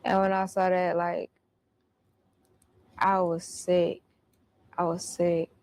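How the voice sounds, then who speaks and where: A woman's voice: fairly low pitch, little pitch movement, slow, a little mellow. A woman telling a personal story in casual, blunt, profane street slang. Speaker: storyteller recounting her experience.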